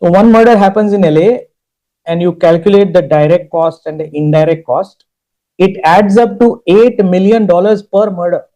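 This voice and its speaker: A man's voice: high voice, moderate pace, dark tone, poor audio. A man speaking as a guest at an industry summit, telling stories and stacking up points in lists. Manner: storytelling, emphatic lists. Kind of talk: conversational interview talk.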